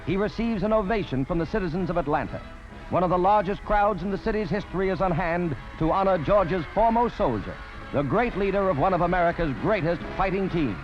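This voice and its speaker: A man's voice: sits high, lively intonation, a little fast. A man narrating an old 1940s newsreel in an emphatic, declamatory announcer style. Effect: old 1940s newsreel soundtrack. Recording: dull lo-fi old film soundtrack with music. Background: music score.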